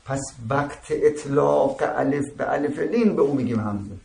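A man's voice: on the high side, vocal fry, dark tone. A man teaching a seminary class, explaining step by step and often checking that his students follow. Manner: explaining with frequent checks "درست شد؟". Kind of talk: religious seminary lecture. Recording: echoey room with faint ambient noise.

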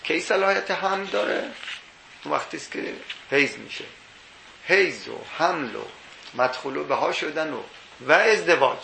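A man's voice: fairly high pitch, gravelly, pushed and bright, reverberant, slight background noise, low-quality recording. A man teaching Islamic jurisprudence in a seminary lecture. He explains step by step, quoting Arabic texts and posing rhetorical questions.

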